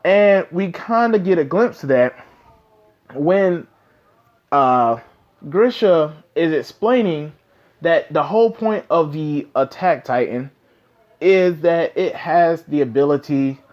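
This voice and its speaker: A man's voice: a little high, dull audio. A man casually reviewing a manga chapter, talking loosely with many fillers and repeated asides to the listener. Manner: loose and conversational, lots of fillers and 'you know what I'm saying'.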